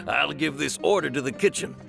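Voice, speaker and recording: A man's voice: on the high side, normal speed, gravelly, loud music behind the voice. A man voicing a friendly, hearty, folksy eatery server in a video game, greeting diners. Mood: welcoming. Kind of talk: video game character acting.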